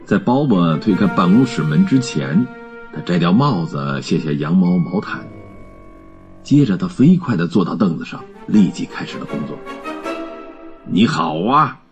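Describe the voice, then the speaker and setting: A man narrates a storybook in a deep, husky voice with lively, wide-ranging pitch. His telling is gentle and expressive. Faint music plays behind him. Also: normal speed, dull audio.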